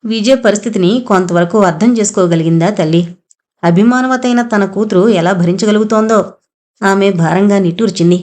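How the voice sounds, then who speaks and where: Woman, audio novel narrator, steady storytelling, mid-pitched voice. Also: fairly quick.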